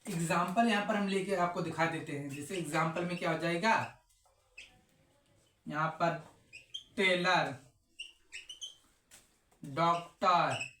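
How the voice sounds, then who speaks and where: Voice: medium pitch, fairly even intonation, moderate pace, pauses often, fairly bright tone, reverberant, a little hiss or hum. A teacher giving a step-by-step phonics lesson, repeating each sound and answering their own questions.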